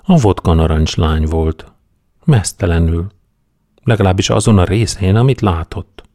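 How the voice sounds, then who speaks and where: Low-voiced male audiobook narrator. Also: dark tone, no echo, clean studio sound. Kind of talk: scripted narration.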